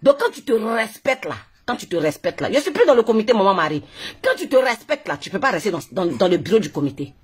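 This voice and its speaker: A woman's voice: mid-range voice, very animated, quick pace, few pauses, slightly rough. A woman with an Ivorian French accent, a blogger ranting on a Facebook live stream into her phone, mocking and scolding with a lot of laughter. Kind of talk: heated live-stream rant.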